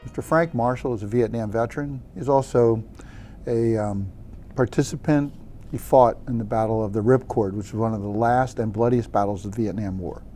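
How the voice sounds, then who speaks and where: A man's voice: on the low side, moderate pace, dark tone, faint music behind. A man interviewing a veteran, asking plain, brief questions.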